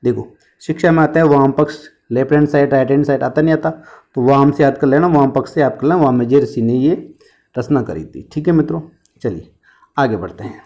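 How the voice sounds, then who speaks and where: Brief: male exam coach with a lilt, mellow tone, answers his own questions with mnemonics. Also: medium pitch. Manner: explains with questions and answers to himself; uses memory tricks and jokes. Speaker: teacher. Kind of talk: exam-prep history lesson.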